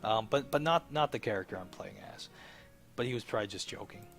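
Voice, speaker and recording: A let's play host with a lowish voice commentates on a game quickly and animatedly as he plays, over game music with plucked guitar. He reads bits aloud and tosses joking asides and exclamations over the story.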